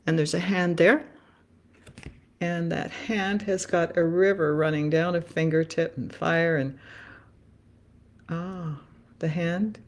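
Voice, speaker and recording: A woman talking on her own in a loose, earnest way, repeating phrases as she draws cards and muses. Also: fairly low pitch. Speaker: spiritual card reader. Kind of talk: musing solo livestream talk.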